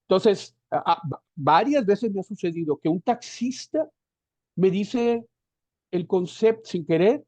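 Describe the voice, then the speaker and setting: A man's voice: sits high, expressive, a little slow, a little mellow, no room sound. A man in his fifties, a guest copywriter talking on an online call with headphones, rambling and digressive with many restarts. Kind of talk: casual conversational interview. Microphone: headphones on a video call. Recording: dull lo-fi online call audio.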